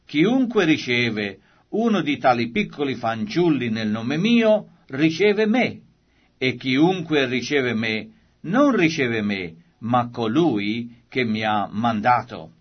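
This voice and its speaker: A man's voice: medium pitch, very animated, breathy edge, full character voice. A grave teaching voice, as a male reader puts it on. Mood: solemn. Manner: solemn measured reading. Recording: slightly dull lo-fi recording.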